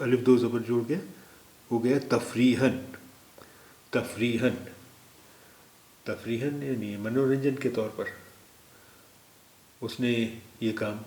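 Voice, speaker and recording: A man's voice: mid-range voice, darkish tone. Patient male tutor with a Hindustani accent, repeating each word, recorded in an echoey room. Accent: Indian Hindustani. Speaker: language teacher. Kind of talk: slow explanatory lesson.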